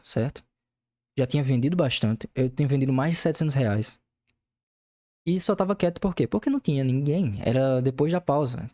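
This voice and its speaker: A man's voice: fairly high pitch, warm tone. A young man hosting a casual podcast, venting angrily about his job and swearing often. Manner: angry venting, heavy swearing. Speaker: podcast host.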